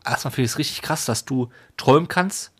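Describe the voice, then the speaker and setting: A man's voice: medium pitch, brisk. A man co-hosting a podcast, chatting casually and explaining facts, sometimes stumbling over words. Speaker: podcast co-host. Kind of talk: casual chat.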